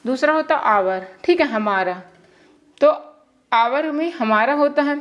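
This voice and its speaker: A woman with a high voice gives a casual English lesson. She spells words out, repeats every meaning twice, and keeps checking that her listeners follow. She is from India. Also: measured pace, muffled recording. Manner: repetitive, explains each word twice, checks in with "theek hai". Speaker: English teacher.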